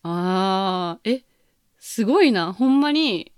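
A woman's voice: mid-range voice, animated, takes it slowly, clear, resonant tone, no echo, studio quality. A woman hosting a podcast, chatting in a casual way with an Osaka accent and laughing often. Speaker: podcast host. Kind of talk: casual chat.

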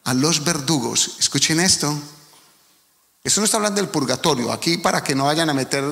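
With a fairly high, gravelly voice and a sharp tone, a Colombian-accented pastor preaches to his congregation in earnest, emphatic terms, speaking fairly quickly with lively intonation. Long hall reverb fills the recording.

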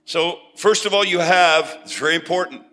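Bright-voiced preacher man in a reverberant hall. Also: sits high. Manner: speaks in short phrases, pausing for translation, with big swings from loud to hushed. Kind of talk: sermon delivered through an interpreter. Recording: long hall reverb with faint ambience.

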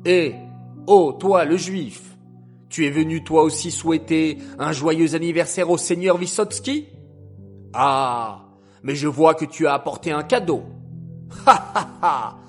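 A loud, jeering servant from a spoken storybook, as a male narrator puts him on. He speaks a little higher than plain talk and laughs at his own jokes. Faint music plays behind. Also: a little slow, natural voice.

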